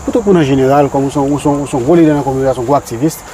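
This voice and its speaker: A man's voice: medium pitch, racing, dark tone, slight background noise. A man with a Haitian Creole accent hosting a casual community interview, upbeat and promotional in manner. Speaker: interview host.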